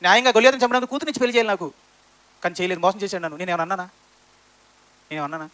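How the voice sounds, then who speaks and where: A man's voice: high voice, rapid-fire, a bit bright. A man preacher voicing a hunted young man who protests that he has been wronged, pleading in questions. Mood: aggrieved.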